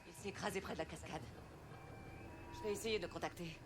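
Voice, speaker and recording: A woman's voice: fairly low pitch, fast, over music, close to an everyday voice. A woman playing a bold, foul-mouthed mercenary crew leader in a video game, cocky and commanding. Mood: low, focused. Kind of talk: video game drama acting.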